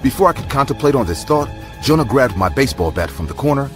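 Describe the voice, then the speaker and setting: A man giving a measured, dramatic scripted narration of a horror story. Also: medium pitch, very animated. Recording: narration over loud music.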